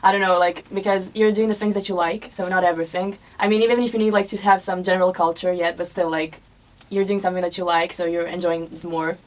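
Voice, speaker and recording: Young woman, rapid speech, lower voice, softly hedging. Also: steady tone. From Croatia. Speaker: guest, student. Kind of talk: casual chat. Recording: distant mic.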